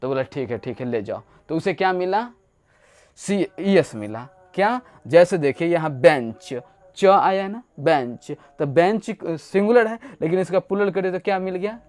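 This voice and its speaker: A man teaching an English grammar lesson, explaining playfully and acting out little stories as he goes. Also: high-pitched. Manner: playful, asks rhetorical questions, tells little stories.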